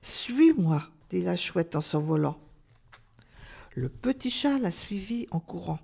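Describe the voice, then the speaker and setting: A woman reading a children's story aloud in a gentle, expressive way. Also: fairly low pitch, measured pace, gravelly.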